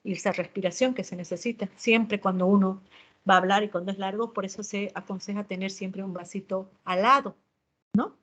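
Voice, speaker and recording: A woman's voice: medium pitch, fairly even intonation, a little fast, fairly bright tone. Woman teacher explaining with tag questions. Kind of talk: lecture on public speaking.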